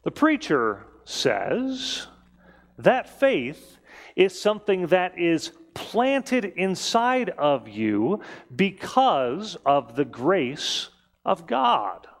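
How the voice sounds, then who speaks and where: A man's voice: high voice, sing-song, extremely slow. A man speaking as a pastor in a conversational preaching style, in a reverberant church. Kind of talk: conversational sermon and church leading. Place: large indoor church space. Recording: reverberant hall.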